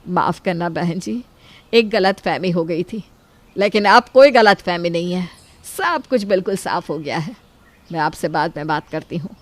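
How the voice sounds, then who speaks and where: A woman voicing a sharp-tongued middle-aged mother-in-law who scolds sarcastically. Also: lowish voice, lively intonation, moderate pace, close to an everyday voice. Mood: stiffly apologetic.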